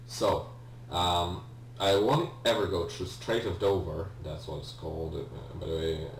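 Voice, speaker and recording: With a deep voice and fairly even intonation, a let's player talks at a measured pace through casual video game commentary. He hesitates, rambles and often corrects himself, and the roomy, distant mic picks up a faint hum.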